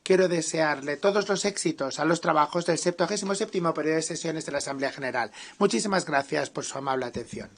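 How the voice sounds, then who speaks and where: A man's voice: a little high, quick pace, few pauses, background noise. A man presiding over an assembly, reading ceremonial announcements and introductions in a formal manner. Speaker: assembly president chairing the session. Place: large assembly hall.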